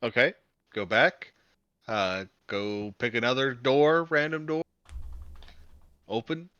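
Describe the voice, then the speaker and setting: Muffled dry sound, male tabletop player, mid-pitched voice, short casual questions and moves. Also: slow pace, pushed and bright, no echo.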